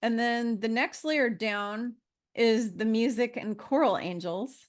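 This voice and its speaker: A woman's voice: on the high side, slow. A woman in her fifties speaking as a guest in a casual conversation, meandering along with frequent fillers and restarts. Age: 50s.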